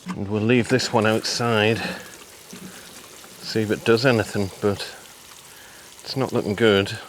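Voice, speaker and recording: A British man hosting a casual gardening vlog, chatty and relaxed, thinking aloud with small asides and talking while he tastes food. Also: lowish voice, a little slow, a little hiss or hum. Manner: talks while tasting food. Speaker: gardening vlogger.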